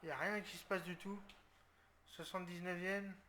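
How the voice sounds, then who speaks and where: A man from France talks through a football video game match as he plays it. His voice is high and bright, and he sounds tense as he explains each tactical change, with sudden loud cries when a play goes wrong. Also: steady tone, moderate pace, a little hiss or hum. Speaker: gaming video creator. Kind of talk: live football game commentary.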